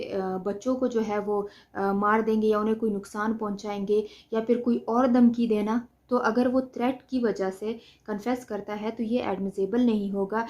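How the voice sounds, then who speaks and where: In a fairly high, slightly mellow voice, a Pakistani-accented woman lectures on law, blending Hindi-Urdu with English legal terminology. She teaches didactically, frequently asking questions and then supplying the answers.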